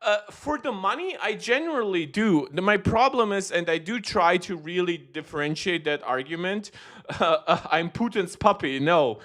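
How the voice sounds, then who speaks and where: A man's voice: sits high, animated, normal speed, fairly bright tone. A young man from Moldova, a native Russian speaker, commenting live on tech news in a rambling, self-correcting way with many fillers. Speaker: tech YouTuber.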